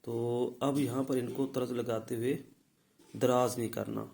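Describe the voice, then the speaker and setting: A man teaching the rules of Quran recitation step by step, often checking in with his listeners and then sounding out the words louder as examples. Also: medium pitch, flat delivery, gravelly, slight background noise, poor audio. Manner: repeats "theek hai" to check in. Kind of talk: tajweed lesson.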